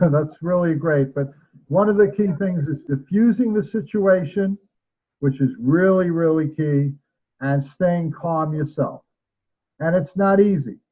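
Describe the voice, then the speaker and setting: Chatty man teaching over a tinny call. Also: fairly high pitch. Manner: relaxed, chatty, laughs often. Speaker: instructor. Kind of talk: online class session. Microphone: video call.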